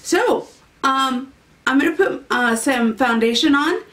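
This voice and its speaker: Her voice is high, expressive, and a bit bright, moving at a measured pace. She's a beauty vlogger unboxing makeup in a rambling, easily delighted chat, sometimes going sing-song.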